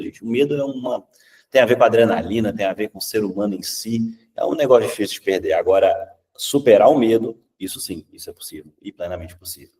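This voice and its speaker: A Brazilian man with a fairly low voice gives a public speaking lesson in a chatty, animated way. He often tags his points with a quick "tá?" and acts out examples. He sounds set back from the microphone. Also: far from the mic. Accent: Brazilian Portuguese. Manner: lively and conversational, often ending points with "tá?".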